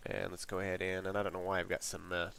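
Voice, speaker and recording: On stream, a congested man with a deep, gravelly voice runs through a flight sim checklist at a quick pace. He reads each item aloud in a relaxed, rambling way, and the desk mic recording from his home is noisy.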